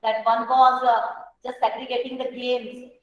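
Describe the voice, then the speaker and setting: An Indian woman teaches an online class in a high voice, taking her time over every point. She explains patiently and slides between Hindi and English. The audio is a little dull and lo-fi, like a video call. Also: level tone, drawn-out words.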